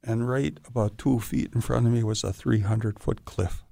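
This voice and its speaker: A man's voice: mid-range voice, moderate pace, gravelly, no echo. A man, an actor and stuntman, telling stories in a casual interview and acting out the voices of the people in them. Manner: animated storyteller acting out quoted voices.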